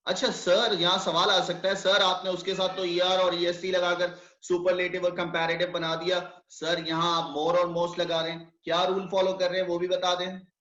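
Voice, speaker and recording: A man's voice: high voice, monotone, moderate pace, hardly any pauses, fairly bright tone. A man teaching an online English grammar lesson, questioning students by name. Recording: echoey, dull online class audio.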